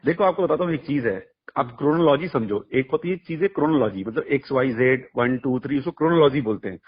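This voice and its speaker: In a heated phone interview, a music artist's manager argues bluntly and emphatically, firing off rhetorical questions. He has a mid-range, slightly rough voice with lively intonation and a fairly quick pace, heard through a muffled, lo-fi phone recording.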